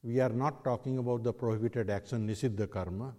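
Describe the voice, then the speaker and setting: Male spiritual teacher, North Indian accent, slightly higher-pitched voice, questioning didactic delivery, long hall echo. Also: a little fast, dark tone. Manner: didactic, poses rhetorical questions to listeners. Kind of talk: religious discourse in English with Hindi and Sanskrit phrases.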